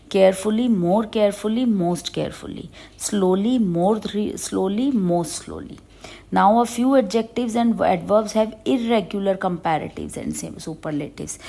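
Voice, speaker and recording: A woman teaching a grammar lesson. She reads English word lists slowly, then explains quickly in Hindi. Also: medium pitch, creaky, a little mellow. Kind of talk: grammar lesson reading out examples.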